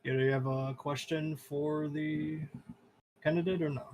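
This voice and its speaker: A man moderating a casual online mock debate, calling up speakers in a relaxed way that often trails off. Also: fairly high pitch, moderate pace, poor audio.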